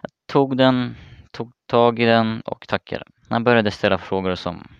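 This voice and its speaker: A young man narrating a personal story in the first person, casually and haltingly, often restarting his words. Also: medium pitch, clear, resonant tone, no room sound. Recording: dry, slightly muffled recording.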